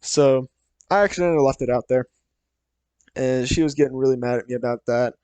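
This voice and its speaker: Young guy telling a story, lots of "so" and "like", average pitch, dry room. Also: a little fast, mellow, clear, resonant tone, dry recording. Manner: rambling, full of "so" and "like". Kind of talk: casual storytime narration.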